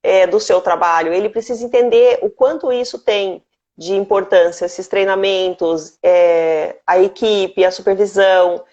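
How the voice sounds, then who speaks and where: A woman's voice: medium pitch, a little slow, a little mellow, muffled recording. A Brazilian woman hosting a live stream. She speaks earnestly and breaks off her stories to greet viewers by name. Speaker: host.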